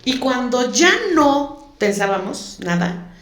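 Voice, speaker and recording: A woman's voice: on the high side, expressive, slow pace. Woman telling an emotional story. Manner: emotional storytelling, repeats words for emphasis. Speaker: guest. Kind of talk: personal testimony in an interview. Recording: echoey room.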